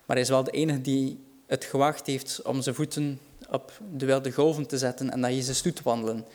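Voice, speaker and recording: A man's voice: mid-range voice, flat delivery, fairly quick, a little mellow. A man preaching a sermon, earnest and reassuring, rising in volume for dramatic quotes.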